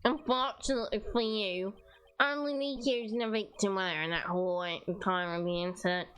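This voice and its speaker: A woman's voice: medium pitch, steady tone, normal speed, fairly bright tone, clear, resonant tone. A woman on a casual game playthrough, reading characters' dialogue aloud and bantering with her co-player.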